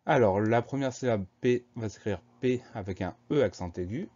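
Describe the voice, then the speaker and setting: A man teaching a spelling lesson, explaining words slowly and spelling them out letter by letter. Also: fairly low pitch, mellow, dull audio.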